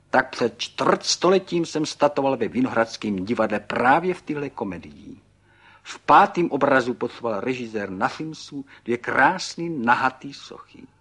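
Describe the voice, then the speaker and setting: A man's voice: medium pitch, husky, voice pushed up. A man reading an audiobook, voicing a small, cheerful older man who boasts proudly about his son and his own past. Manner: excited, boastful.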